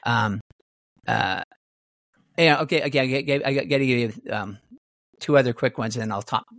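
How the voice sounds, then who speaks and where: A man's voice: mid-range voice, normal speed, a bit bright, no echo, clean studio sound. A middle-aged man casually telling stories, rambling with many restarts and fillers. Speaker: guest martial artist. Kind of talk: casual storytelling.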